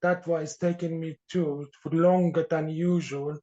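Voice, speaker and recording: Halting man from Iran, muffled sound. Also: a little high, flat delivery, warm tone. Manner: halting, searching for words, many fillers. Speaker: author guest. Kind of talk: podcast interview. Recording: dull lo-fi sound.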